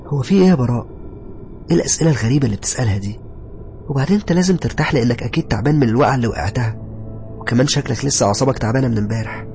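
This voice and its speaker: A man voicing a worried young new bride with an Egyptian accent, pleading and high-strung in a spoken horror story. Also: very fast, mellow, soft background music, natural voice. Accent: Egyptian Arabic.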